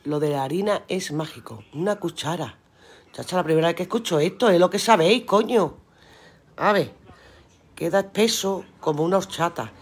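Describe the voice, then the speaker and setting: A woman's voice: lowish voice, moderate pace, husky. Brief: woman, live-stream seller, chatty and earthy, swears casually, laughs a lot. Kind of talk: casual live-stream chat reading viewer comments aloud.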